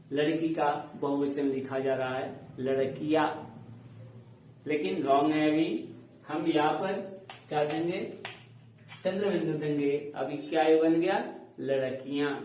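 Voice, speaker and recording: A man's voice: fairly high pitch, a little mellow, distant mic. A man teaching young children a Hindi phonics lesson, repeating each word patiently and asking questions that he answers himself. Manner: asks the class questions, then answers them himself. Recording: echoey room, voice set back from the mic, faint background noise.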